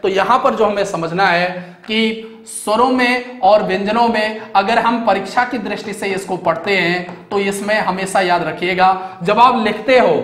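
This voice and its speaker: Male tutor, high voice, patient step-by-step explainer, recorded in a reverberant room. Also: unhurried, a bit bright. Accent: Hindi, North Indian. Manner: explanatory, repeats key words, asks and answers own questions. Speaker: teacher. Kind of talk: exam-prep grammar lecture.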